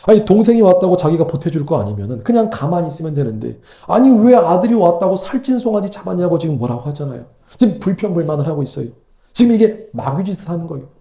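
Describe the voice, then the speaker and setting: Animated preaching man, roomy church. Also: on the high side, fast talker, vocal fry. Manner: animated, asks rhetorical questions. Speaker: pastor. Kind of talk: sermon. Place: church sanctuary.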